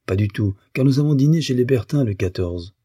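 A man voicing a wounded, bitter bourgeois wife who speaks in a sharp, accusing way. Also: mid-range voice, expressive, a little fast, slightly rough, no room sound, clean studio sound, pitched above the performer's own voice.

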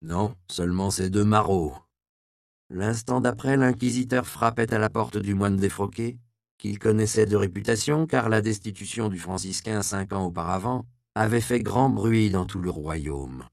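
A man reading a historical novel aloud as an audiobook narrator, with measured storytelling. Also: fairly low pitch, creaky, no room sound, clean studio sound. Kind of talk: scripted narration.

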